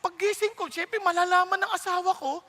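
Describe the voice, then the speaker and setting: A man voicing a worried young bride-to-be who confides her problem in a hushed, fretful way. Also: very high voice, fairly even intonation, fairly quick, pitched above the performer's own voice. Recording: long reverb of a large hall.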